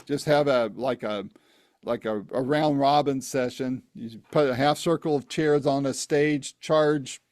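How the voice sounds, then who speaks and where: A man's voice: mid-range voice, steady tone, measured pace, darkish tone, dry recording, clean studio sound. A man chatting casually as an interviewer, talking in a loose, rambling way.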